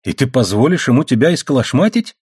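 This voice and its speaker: Anxious, sharp-tongued young woman in an audiobook, read by a man: pleading, lively pitch, husky. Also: quick pace, no echo, clean studio sound. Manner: pleading, exasperated.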